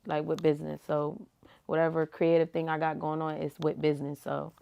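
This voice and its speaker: A rapper and reality TV personality, she's a young woman answering as an interview guest in a casual, laid-back, slangy style, leaning on "like" and "you feel me." Her low-pitched voice is monotone, creaky, mellow, and smooth, and she speaks a little fast.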